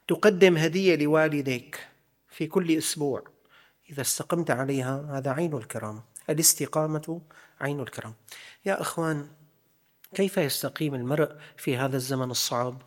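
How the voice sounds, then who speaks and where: Man, religious teacher, sermon, repeats rhetorical questions, slightly high voice.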